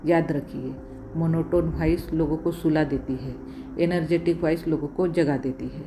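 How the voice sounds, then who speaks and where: A woman giving scripted voice-over narration with steady, instructive delivery, counting off communication tips by number. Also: deep voice, moderate pace, background noise.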